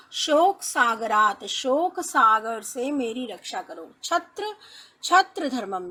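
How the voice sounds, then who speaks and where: Her voice on the high side and fairly bright, a woman teacher works through Sanskrit one line at a time. After reading each line she explains it slowly in Hindi, addressing the students as children.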